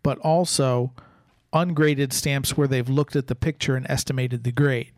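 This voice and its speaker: Halting man, dry close recording. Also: medium pitch, steady tone, darkish tone, dry recording. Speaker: podcast regular, expert. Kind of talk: casual explanation.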